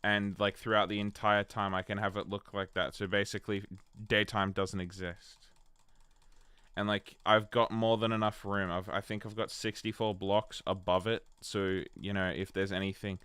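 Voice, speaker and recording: A man's voice: on the low side, little pitch movement, normal speed, a bit bright, clear, resonant tone, dry recording. A man chatting casually on a gaming livestream, rambling and answering his chat by name. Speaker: streamer.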